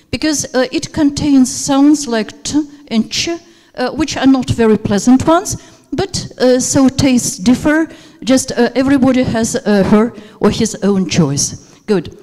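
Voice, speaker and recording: A high, warm voice belongs to a teacher trainer whose first language is Russian. She leads a workshop lecture in a seminar room, speaking with hesitation and many fillers. The handheld-microphone recording has hall reverb.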